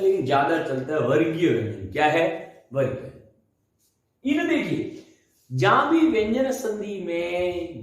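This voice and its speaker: A male teacher lectures on grammar in a strongly reverberant room, his voice bouncing off the walls. He recites letter lists one by one, stretches words to stress how they are pronounced, and keeps firing questions back at his students for them to answer. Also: high-pitched. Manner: drills students with call-and-response questions. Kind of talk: classroom lecture. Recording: very echoey room.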